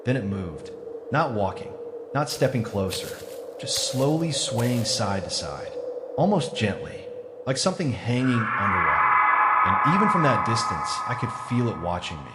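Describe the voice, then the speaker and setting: A man narrates a scripted first-person horror story in a dramatic, suspenseful way with deliberate pauses. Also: lowish voice, big pitch swings, heavy background noise.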